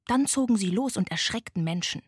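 A woman narrating a children's bedtime story in a gentle, expressive, often hushed way, with a breathy voice. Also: medium pitch, fairly quick, no room sound, studio quality.

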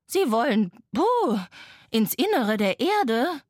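A woman's voice: a little high, big pitch swings, takes it slowly, darkish tone, no echo, studio quality, voice pushed up, exaggerated voice. A woman voicing a rusty old toy train that puffs and groans as it talks. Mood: weary. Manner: puffing, groaning.

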